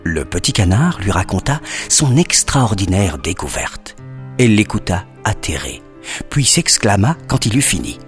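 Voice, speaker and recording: A man narrating a children's story expressively, dropping to a hush at suspenseful moments. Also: lowish voice, big pitch swings, moderate pace, faint music behind.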